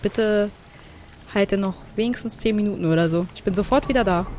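A woman giving blind commentary on a video game, chatty, talking to the game and reading menu text out loud. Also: mid-range voice, brisk, slight background noise. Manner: thinks aloud and reads game menu text out. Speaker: let's player.

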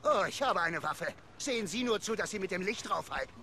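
High-strung, hunted, bossy kidnapper. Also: male voice, expressive, brisk, a little hiss or hum, heavily acted. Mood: urgent, commanding. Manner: urgent, shouting orders while being chased. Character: gruff, taunting, bossy male armed kidnapper on the run. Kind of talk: video game voice acting. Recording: loud game music over voice. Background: loud game music.

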